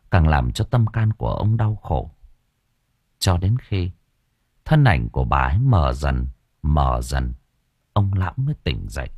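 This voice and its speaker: A man narrates a dramatic audiobook in a low, husky voice. His delivery rises and falls expressively, recorded close and dry with faint music underneath. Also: no room sound. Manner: expressive, storytelling.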